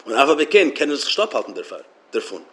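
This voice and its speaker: A man giving a Torah lecture as a religious teacher, halting and often repeating words as he restarts his sentences. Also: mid-range voice, very animated, fairly bright tone.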